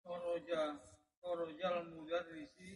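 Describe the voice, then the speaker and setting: A man's voice: on the high side, flat delivery, a little slow, in a large hall, low-quality recording. A male student reading single words aloud for the teacher, tentative and careful.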